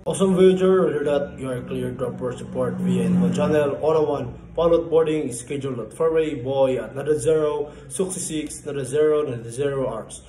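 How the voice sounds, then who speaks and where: A man's voice: mid-range voice, fairly quick, few pauses. A man playing a port control operator answering on marine radio, formal and clipped as he gives instructions. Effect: marine radio call. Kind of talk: scripted marine radio procedure. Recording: echoey room with faint background hum.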